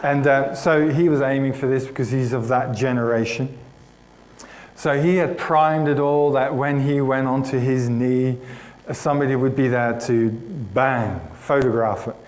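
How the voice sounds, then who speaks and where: A man's voice: medium pitch, fairly even intonation, measured pace, darkish tone, poor audio. A man preaching to his congregation, telling a personal story in a chatty, self-mocking way and addressing listeners by name. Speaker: pastor. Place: church hall.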